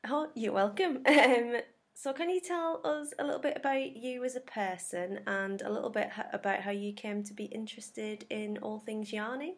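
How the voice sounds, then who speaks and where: A woman's voice: fairly high pitch, normal speed. A woman hosting a podcast, chatting informally and casually. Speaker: podcast host.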